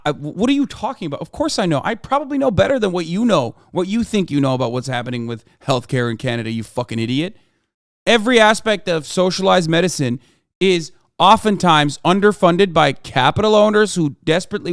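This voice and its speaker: A man's voice: a little high, animated, fairly quick, no echo, clean studio sound. A man hosting a livestream, ranting about politics at his chat in a profane, combative and sarcastic way. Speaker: livestream host. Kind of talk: heated political rant to chat.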